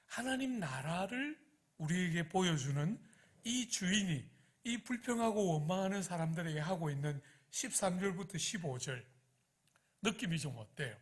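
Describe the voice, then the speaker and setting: A husky-voiced man preaching a sermon in church, his voice pitched somewhat high. He speaks with animated swings and keeps turning to the congregation with direct questions. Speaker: pastor.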